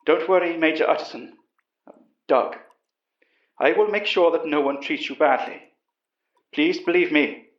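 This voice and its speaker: In a first-person horror audio drama, a man plays an earnest old English professor telling a monster tale in a fairly high voice that stays close to an everyday way of speaking. He goes unhurriedly, leaving long pauses, with a reassuring mood. The sound is roomy and slightly muffled.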